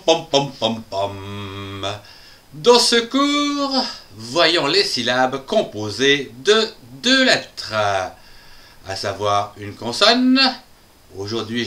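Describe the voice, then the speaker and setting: Slow, lively man teaching reading. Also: mid-range voice. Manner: slow, spells out letters and syllables one by one; playful, sing-song. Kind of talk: children's reading lesson.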